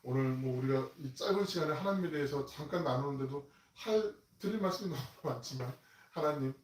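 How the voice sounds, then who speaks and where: A man pastor giving a conversational sermon, reading scripture aloud slowly and firmly. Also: a little high. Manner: conversational preaching, reads scripture slowly and loudly with the congregation. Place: church sanctuary. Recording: echoey church from a distance.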